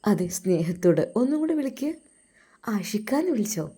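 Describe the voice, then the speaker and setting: A woman voicing a tender, doting young religious teacher husband who coaxes his wife, her voice hoarse and pushed lower. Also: very animated, normal speed, dark tone. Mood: coaxing. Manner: coaxing, affectionate, murmuring.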